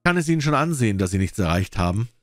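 A man's voice: lowish voice, big pitch swings, rapid-fire, dry recording, clean studio sound, faint music behind. A man voicing a passionate young Spanish woman in an audiobook, speaking heatedly and with emphasis. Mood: earnest. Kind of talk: audiobook character voice.

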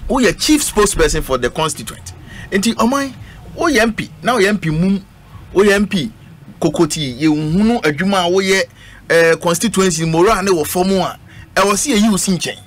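Here the voice is high and a bit bright: a middle-aged man with a Ghanaian accent, guesting on a radio panel about politics, pressing his points emphatically, repeating phrases and switching between languages. A stand-mounted studio mic records him in an indoor studio, and the live stream carries plenty of noise.

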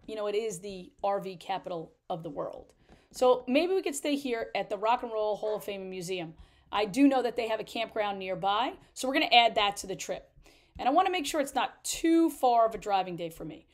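Chatty woman walking through a tutorial. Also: on the high side. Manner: chatty, step-by-step explaining. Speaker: RV travel vlogger. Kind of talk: screen-share tutorial walkthrough.

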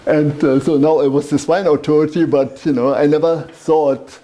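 A septuagenarian German wine merchant with a strong accent recalls old times in a loose, conversational interview, dropping "you know" frequently. His voice is warm, steady and on the high side, at a moderate pace, recorded in an echoey small wine bar with faint background noise.

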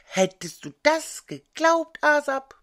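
A woman's voice: high-pitched, sing-song, takes it slowly, fairly bright tone, voice pushed up, exaggerated voice. A woman voicing an eager, impatient young male tadpole in a storybook reading. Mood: astonished.

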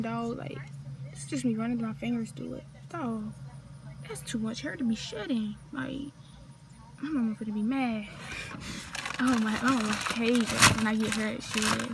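Sitting outdoors with her phone camera, a young North Carolina woman in her late teens chats in a loose, meandering vlog style, full of slang and asides in a Southern accent. Her slightly high voice comes with some background noise.

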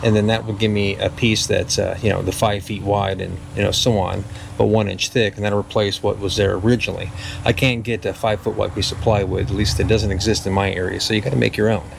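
Working in his garage and on the roadside, a hot rod builder in his fifties hosts his channel's casual workshop vlog, offering dry, self-deprecating commentary. He speaks fairly quickly in a fairly low, level voice with vocal fry, and background noise is present.

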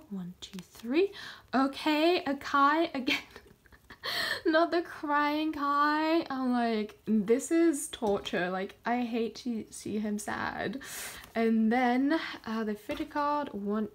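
A K-pop collector vlogger unboxes photocards in a slightly high voice, chatting casually and gushing with excitement. She gasps and counts down before each pull.

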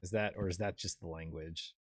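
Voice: low-pitched, steady tone, moderate pace, breathy edge, dry recording. A young adult streamer chatting casually while playing a horror game, rambling with lots of fillers and restarts. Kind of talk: casual chat while gaming.

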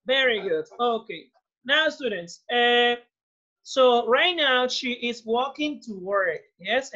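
A woman's voice: medium pitch, fairly bright tone. A woman with a Peruvian Spanish accent teaching English in an online class, mixing Spanish and English and repeating words of praise. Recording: muffled video call audio.

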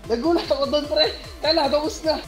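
Co-caster with quick interjections. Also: male voice, extremely high pitch, fairly even intonation, fairly bright tone, soft background music. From Philippines. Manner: short reactive interjections. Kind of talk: excited esports color commentary.

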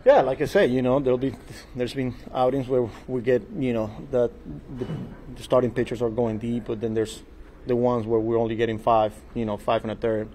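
A man in his forties answers reporters at a postgame press conference, his tone mellow and his delivery flat. He talks in a measured, halting way and repeats his words as he thinks. A faint room hum sits under the table mic. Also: mid-range voice, low-quality recording. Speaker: baseball manager. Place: small press room before a sponsor backdrop. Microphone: table mic in front of him.

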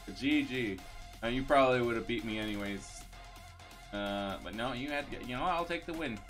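A man's voice: mid-range voice, brisk, a bit bright, faint music behind. A man streaming live, chatting casually and thanking viewers, rambling with many fillers and restarts.

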